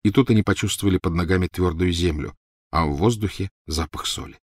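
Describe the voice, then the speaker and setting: Casting note: male narrator, lowish voice, dry close studio sound, steady reading. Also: quick pace, no echo. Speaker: audiobook narrator. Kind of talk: scripted narration.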